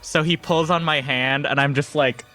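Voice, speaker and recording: A man's voice: on the high side, fairly even intonation, moderate pace, pushed and bright, soft background music. A man playing a tabletop game, casual and joking. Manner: playful, joking. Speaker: player.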